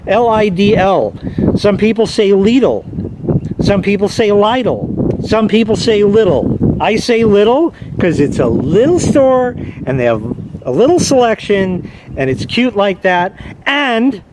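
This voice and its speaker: A man's voice: high-pitched, big pitch swings, unhurried. An American man rambling casually, with a profane and opinionated manner, recorded outdoors. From United States. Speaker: vlogger. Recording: loud wind and traffic noise.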